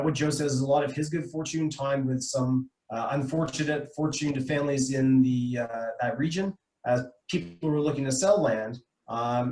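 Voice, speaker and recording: In an online video meeting, a middle-aged man with a Canadian accent and a medium-pitched, slightly mellow voice gives a relaxed, explanatory talk about importing wine. His delivery is conversational and a bit hesitant, and the room sounds echoey through the call microphone.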